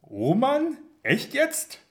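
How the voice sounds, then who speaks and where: A man's voice: mid-range voice, sing-song, moderate pace, natural voice. A man doing a brash, chummy football fan. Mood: amused disbelief. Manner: loud, brash, mocking banter. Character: boisterous middle-aged male football fan, chummy.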